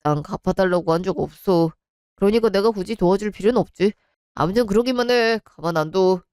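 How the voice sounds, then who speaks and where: Woman doing a cold dismissive husband, curt flat lines, dry close sound. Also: medium pitch, fairly quick, clean tone, no room sound, natural voice.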